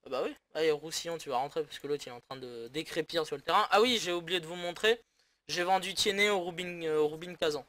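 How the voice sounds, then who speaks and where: Fast and forceful, a bright, higher-pitched voice belongs to a French gaming YouTuber playing a football management game. His casual let's-play commentary is sarcastic and grumbling, and he swears often.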